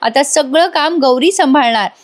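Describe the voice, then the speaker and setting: A woman's voice: high-pitched, moderate pace, natural voice. A woman voicing an earnest young student. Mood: pleading. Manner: pleading, earnest.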